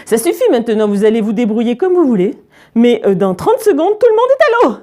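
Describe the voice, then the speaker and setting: A woman voices a fed-up schoolteacher who raises her voice high and loud, scolding a noisy class in a storybook reading. The tone is sharp-edged, with a lively, swinging pitch. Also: brisk. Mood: exasperated. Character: exasperated woman teacher, shouting scolding.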